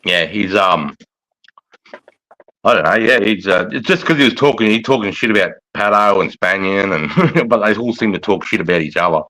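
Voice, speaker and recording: A man's voice: fairly low pitch, moderate pace, bright, forceful tone, poor audio. A middle-aged man with a broad Australian or New Zealand accent, hosting a casual livestream chat in slangy, sweary, blokey talk. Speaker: livestream host.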